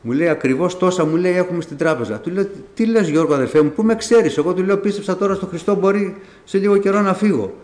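A middle-aged church member gives his personal faith testimony to a congregation, telling it conversationally like a story and acting out the dialogue he remembers. His voice sits high with a darkish tone and few pauses, in an echoey room.

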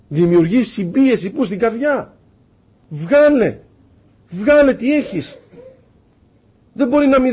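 A man's voice: a little high, a little mellow, slightly rough. A man preaching a sermon with passion, telling stories and acting out the dialogue in them. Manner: impassioned, acts out dialogue in stories.

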